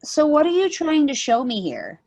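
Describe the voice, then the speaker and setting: A woman's voice: high voice, huge pitch swings, moderate pace, darkish tone, full character voice. A woman playing a skeptical, awkward older sister with a dry, questioning way of talking in a play reading.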